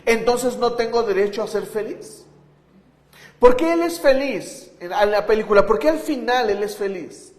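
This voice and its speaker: A man's voice: high-pitched, animated, normal speed. A pastor preaching a conversational sermon, asking his listeners rhetorical questions. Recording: echoey hall with long reverb.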